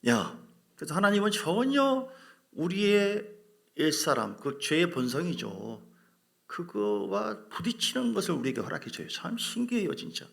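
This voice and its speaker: A male pastor preaching a dramatic sermon, swinging between loud bursts and whispers and acting out biblical figures. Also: fairly high pitch, huge pitch swings, normal speed, creaky. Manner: acts out voices of biblical figures.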